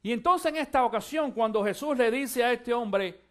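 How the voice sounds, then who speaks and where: A male pastor preaching a sermon, shifting from quiet musing to loud, fervent exhortation and urging his listeners to listen. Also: very high voice, moderate pace. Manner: addresses listeners directly, urging them to listen.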